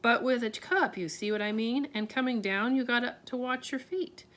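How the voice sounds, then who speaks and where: Pod, a woman voicing a tiny steady borrower father. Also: on the high side, moderate pace, close to an everyday voice. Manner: homely ungrammatical talk, calm reassuring. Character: tiny borrower father, middle-aged, steady, plain-spoken.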